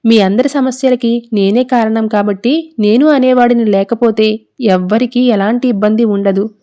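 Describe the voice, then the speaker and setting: A woman's voice: fairly high pitch, steady tone, moderate pace, mellow, natural voice. A woman reading the lines of a remorseful middle-aged father in a serial recap, in an earnest, sorrowful pleading manner.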